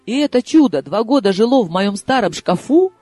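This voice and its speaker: A man reading a novel aloud and voicing an excitable young woman in love, who exclaims and pleads in quick questions. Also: high-pitched, husky, dry recording, faint music behind, voice pushed up, heavily acted. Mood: pleading.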